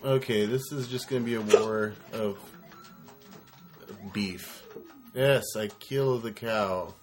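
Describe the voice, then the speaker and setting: A man's voice: lowish voice, slow pace, a little mellow, faint music behind. A man giving casual, joking, rambling commentary while playing a retro game as co-host.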